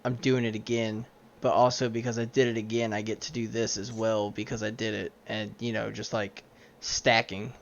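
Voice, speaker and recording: A man's voice: lowish voice, level tone, moderate pace, gravelly, few pauses. A man rambling casually about his tabletop character, with lots of fillers. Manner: rambling, loose, full of fillers. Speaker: tabletop player. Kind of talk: casual chat. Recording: dull lo-fi mic with faint noise.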